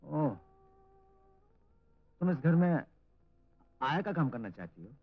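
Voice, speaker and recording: A man's voice: fairly high pitch, sing-song, slow, dry recording, full character voice. Kindly indulgent father. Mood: calm. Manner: gentle, placating. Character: kindly indulgent older father, house master. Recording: tinny old film soundtrack.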